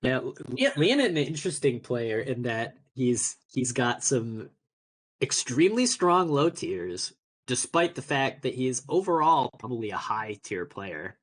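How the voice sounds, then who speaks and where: A man doing relaxed commentary on a video game tournament stream, often restarting his sentences. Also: medium pitch, rough recording. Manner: relaxed, halting, many restarts. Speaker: esports commentator.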